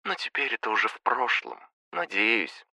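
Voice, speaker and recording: A man puts on a gentle, forgiving young woman in a storybook reading. Her voice is soft and quiet, set above his own gravelly tone, with a dry, close sound. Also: medium pitch, animated, moderate pace, dry recording, voice pushed up, full character voice. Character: calm forgiving young woman, the loyal friend.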